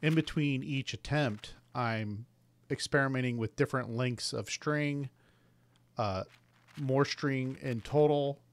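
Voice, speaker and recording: A man hosting a woodworking vlog, narrating in a thoughtful, even-paced casual voice-over. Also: medium pitch, slow, dry recording. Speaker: woodworking channel host. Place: outdoors in an open park.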